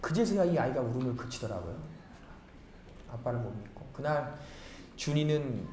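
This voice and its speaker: A man preaching a sermon, telling a family story with earnest warmth and building to emphatic, repeated questions. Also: medium pitch, lively intonation, normal speed, a little hiss or hum. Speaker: pastor. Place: church sanctuary. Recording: echoey church room, faint ambience.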